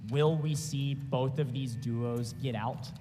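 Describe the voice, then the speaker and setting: A man working as an esports caster, giving excited, dramatic live play-by-play in emphatic, punchy phrases. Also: mid-range voice, takes it slowly, background noise. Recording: long hall reverb, music underneath. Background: music.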